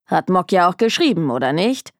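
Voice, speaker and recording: A woman's voice: on the low side, big pitch swings, brisk, dry recording, clean studio sound. Woman doing a smug, scornful male detective. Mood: bored. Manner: scornful, drawling, dismissive. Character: arrogant bored young male detective.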